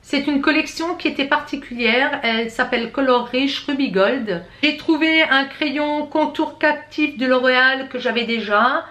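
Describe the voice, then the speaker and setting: A woman's voice: high-pitched, normal speed, hardly any pauses, sharp tone. A middle-aged woman from France, chatting her way through a makeup tutorial, talking straight to her viewers and often correcting herself. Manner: chatty, self-correcting, addresses viewers directly. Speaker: beauty vlogger.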